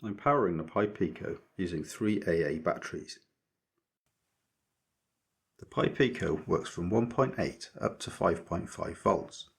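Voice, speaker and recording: With lively intonation, a man walks viewers through a scripted electronics project tutorial, explaining each step in a methodical, measured manner. His low voice is creaky and very husky, breathy-rough instead of smooth.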